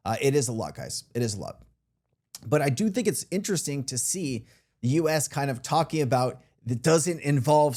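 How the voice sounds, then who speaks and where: A man's voice: mid-range voice, a little mellow. A man hosting a casual commentary show, talking informally to viewers with a slightly thick voice from a sore throat. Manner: informal, addresses viewers as guys. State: sore throat, feeling unwell. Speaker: crypto show host. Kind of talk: casual commentary on played clips.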